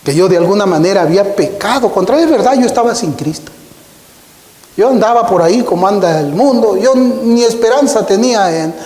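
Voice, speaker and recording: A man in his fifties preaches with a high voice and earnest feeling. He tells personal stories and leans on slow, emphatic repetition. The sound rings around a large church hall, with a long reverb tail. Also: animated, darkish tone. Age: 50s. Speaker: pastor. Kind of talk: sermon.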